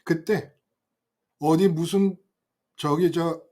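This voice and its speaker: An older man preaching a sermon, telling a story from his youth in an animated way and speaking directly to his listeners. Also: fairly high pitch, drawn-out words. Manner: animated, acts out quoted voices and addresses listeners directly. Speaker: pastor.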